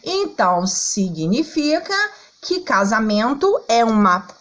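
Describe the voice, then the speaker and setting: A high, animated voice from a Brazilian woman teaching children online. She talks slowly and patiently, stretching syllables out and checking in with the class after each point. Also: low-quality recording. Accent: Brazilian Portuguese. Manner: slow, patient, sings out syllables to show stress; checks in often with "tá?" and "ó". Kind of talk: online lesson for schoolchildren.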